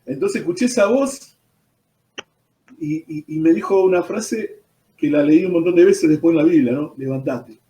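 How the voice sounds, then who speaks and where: An Argentine man, a pastor, recounts his personal testimony in a storytelling way, tagging "¿viste?" onto his sentences. His voice sits on the higher side but has a mellow, dark tone. He is heard from some distance off the mic in an echoey room. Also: moderate pace. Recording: roomy echo, distant from the mic.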